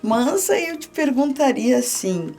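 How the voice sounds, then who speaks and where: A woman's voice: high voice, sing-song, unhurried, warm tone, faint music behind. A woman, hosting a conversational interview and agreeing in brief affirming remarks. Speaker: interview host.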